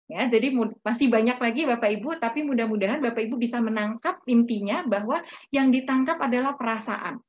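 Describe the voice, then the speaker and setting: A woman lecturing parents, patient and explanatory, often adding a soft "ya" to her sentences. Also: on the high side. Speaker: parenting speaker. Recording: slightly dull lo-fi recording.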